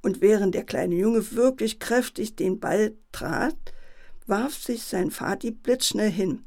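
Female storyteller, bedtime tale for kids, touch of fry in the voice. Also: mid-range voice, slow. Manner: lively voicing of quoted characters. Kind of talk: children's bedtime story reading.

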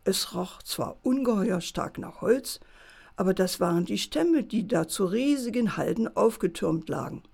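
A woman calmly reading a children's bedtime story aloud. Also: medium pitch, measured pace, gravelly, breathy edge.

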